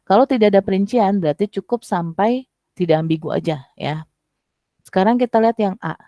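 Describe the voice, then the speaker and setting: A woman's voice: mid-range voice, brisk, dark tone, no room sound, studio quality. A young woman tutoring an online exam-prep class, explaining step by step and sounding out example sentences.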